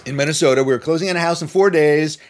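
A middle-aged man, a violinist, telling a story in casual chat, animated and laughing often. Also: a little high, quick pace. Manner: animated, laughs often, mimics voices in quotes.

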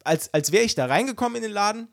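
A man's voice: high voice, animated, fast, dry recording, clean studio sound. A young man co-hosting a casual podcast chat, telling a story with lots of energy and acting out the dialogue. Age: young adult. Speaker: podcast co-host.

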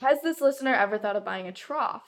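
A young woman co-hosts a podcast in loose chat, with a slightly high voice. She makes her suggestions in a deadpan way and keeps agreeing with the others. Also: fast talker. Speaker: podcast co-host. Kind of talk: casual comedic chat.

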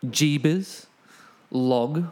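A man's voice: fairly high pitch, drawn-out words, darkish tone. A man co-hosting a podcast in casual chat, joking, with stammering restarts, in a small makeshift home studio. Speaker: podcast co-host.

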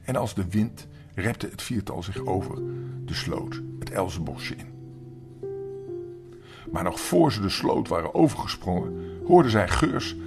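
An older man, a grandfather, reading a children's story aloud in a lively, expressive way. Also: sits low, a little slow, vocal fry, long pauses, over music.

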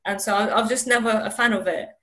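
Over a video call, a young woman from Iran talks fast and earnestly as an interview guest in a candid conversation. Her mid-range voice is fairly bright with fairly even intonation, and she keeps restarting and repeating words.

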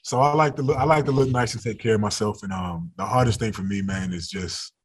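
A man in his thirties who plays football is the guest in a casual interview, candid and quick to laugh, frequently restarting what he says. The voice is lowish, husky, and fairly fast.

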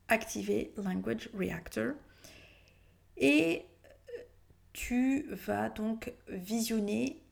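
A woman teacher talks through a pronunciation tip at an unhurried pace. Her voice carries a gravelly edge. She thinks aloud, stopping and restarting her sentences as she goes. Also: mid-range voice, a little mellow. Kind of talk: casual spoken tutorial.

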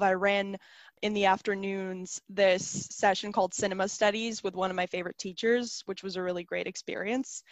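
Speaking as a guest in an interview, a young adult woman from South Africa with Serbian as her native language keeps things chatty, leaning heavily on "like" and "um." Her voice is mid-range, with no echo in the recording.

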